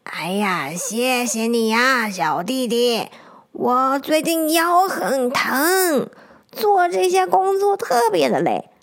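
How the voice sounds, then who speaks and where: A woman voicing a gruff but kindly old grandma lizard in a storybook, speaking low and drawn-out. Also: very animated, heavily acted. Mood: grumbling.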